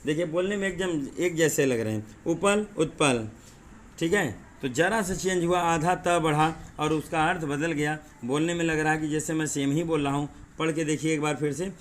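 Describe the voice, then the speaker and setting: A male teacher with a slightly high voice leads an exam-prep lesson. He explains paired words slowly, repeats them and keeps asking rhetorical questions to his viewers. A faint hum sits under the voice. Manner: says 'dekhiye' and 'thik hai' often.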